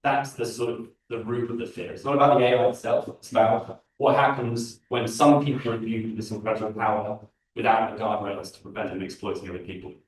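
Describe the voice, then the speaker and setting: A man's voice: fairly low pitch, fairly even intonation, fairly quick, few pauses. A man with a London accent giving a conference talk as a design researcher, earnest and thinking aloud with fillers and restarts. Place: large lecture hall. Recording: very echoey hall from far off.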